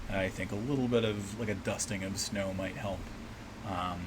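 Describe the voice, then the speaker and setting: A low, slightly scratchy male voice rambles casually through a livestream at a moderate pace, trailing off and restarting often, relaxed and full of fillers. He's a map maker chatting while he works, seemingly at a small desk at home, with a steady air-conditioner hum clearly beneath his voice.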